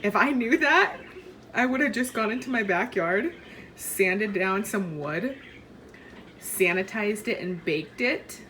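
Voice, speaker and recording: A woman's voice: medium pitch, animated, takes it slowly, a bit bright, slight background noise. A woman vlogging casually, exasperated and laughing at herself. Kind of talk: casual vlog talk.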